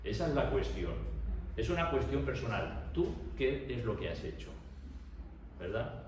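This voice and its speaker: A man's voice: medium pitch, big pitch swings, a little slow, darkish tone, a little hiss or hum. A man preaching a sermon in a conversational way, asking rhetorical questions and adding tag questions. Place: church hall. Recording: echoey hall, mic far off.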